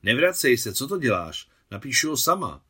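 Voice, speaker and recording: A man voicing a brisk, bossy young woman who chatters and gives orders to a friend. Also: medium pitch, lively intonation, bright, forceful tone. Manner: chattering, commanding.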